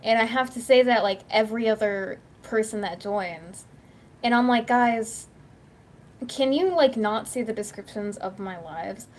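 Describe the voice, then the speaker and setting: A woman's voice: medium pitch, moderate pace. A woman YouTuber chatting casually at home, rambling through stories and acting out quoted dialogue, saying "like" constantly. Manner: rambling storytelling, acts out quoted dialogue, heavy "like" filler. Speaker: YouTuber and livestreamer. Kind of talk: casual chat.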